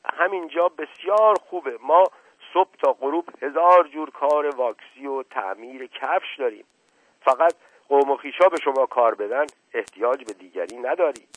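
A man's voice: medium pitch, fairly bright tone, husky, dry recording, pitched above the performer's own voice. A man voicing a proud, touchy older male nobleman with an imperious, explosive manner. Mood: pleading. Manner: imperious, bursts of outrage. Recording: tinny phone-like radio sound.

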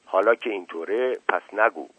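A man's voice: fairly low pitch, slightly rough, no room sound, phone-quality sound. A man reading aloud as a firm, decisive village elder who leads the others. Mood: commanding. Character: commanding village elder man, calm leader.

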